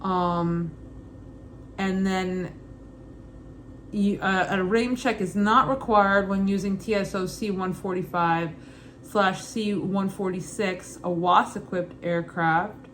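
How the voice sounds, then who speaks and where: A young woman with a Brooklyn accent reads study material aloud in an informal, halting way, adding casual asides. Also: mid-range voice, steady tone, a bit bright. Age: young adult. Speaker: student pilot reading an exam guide. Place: kitchen at home, indoors. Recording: clearly noisy home room ambience.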